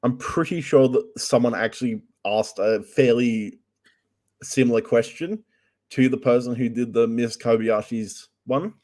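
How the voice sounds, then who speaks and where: A man's voice: mid-range voice, a little slow, a little mellow. A man co-hosting a casual podcast, cutting in with matter-of-fact remarks. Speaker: podcast co-host.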